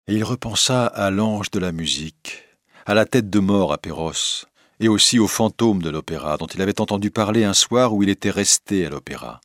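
A man narrating a storybook in a measured, even way. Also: lowish voice, dry recording, clean studio sound.

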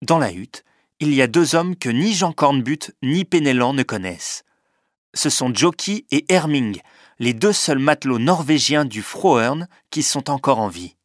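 Male storybook narrator, measured and clear, dry booth sound. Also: mid-range voice, expressive, no room sound. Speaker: audiobook narrator.

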